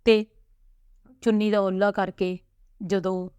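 A woman narrating a family story in a steady, plain storytelling way. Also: medium pitch, slow, clean tone, no room sound, studio quality.

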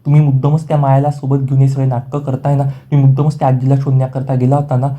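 A man's voice: mid-range voice, rapid-fire, close to an everyday voice. A man reading a defiant young heroine. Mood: accusing. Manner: flatly read, with little change from narration.

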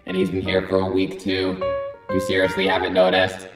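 A man voicing a placid little toy companion in a children's comedy skit, slow, fond and unbothered. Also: sits low. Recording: echoey reverberant voice under loud guitar music.

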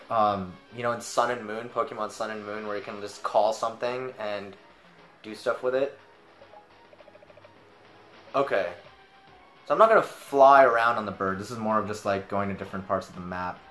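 A man's voice: lowish voice, moderate pace, pauses often, fairly bright tone. A young man hosting a gaming channel, chatting casually in let's play commentary and reading game text aloud. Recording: roomy room echo. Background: faint game music.

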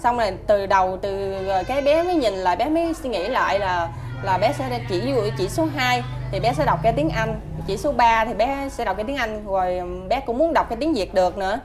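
A woman's voice: fairly high pitch, expressive, fairly quick, over music. A woman with a Southern Vietnamese accent answering interview questions about her child, hesitant and polite, with many fillers.

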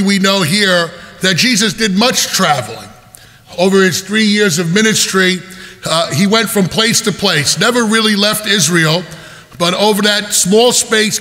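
A man's voice: sits high, sharp tone. A male priest giving a conversational homily in a church, explaining scripture verse by verse like a teacher. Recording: long church reverb.

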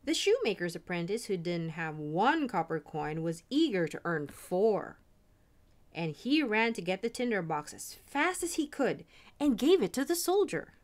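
A woman reading a fairy tale aloud in an animated storytelling manner. Her mid-pitched voice swings widely in tone as she follows the story. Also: measured pace.

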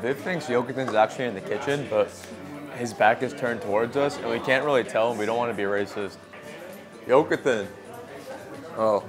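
A man's voice: medium pitch, normal speed, long pauses, over music, a crowd in the background. A man in his twenties chatting casually in a food vlog, joking and laid-back, recorded on a clip-on mic. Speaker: food vlogger. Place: outdoors on a city street, then inside a busy small restaurant. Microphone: small clip-on mic on shirt.

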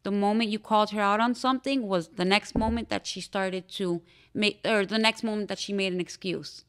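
A young woman from Miami, telling her own story as a podcast interview guest in a candid, halting way, with frequent fillers and restarts. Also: mid-range voice, steady tone, a bit bright, clear, resonant tone. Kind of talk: personal testimony in a podcast interview.

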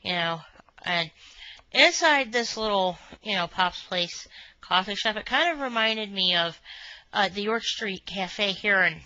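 A woman's voice: mid-range voice, animated, measured pace, sharp tone, no echo. Woman, meandering casual monologue, dry close sound, dull webcam audio. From Northern Kentucky, USA. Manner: chatty, meandering, many fillers like "you know". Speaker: vlogger reviewing a restaurant.

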